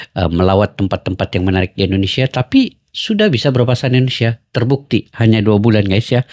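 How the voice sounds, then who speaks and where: A man's voice: lowish voice, a little mellow, no room sound, clean studio sound. A man hosting a casual reaction commentary. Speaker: host reacting to videos. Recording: music behind the voice.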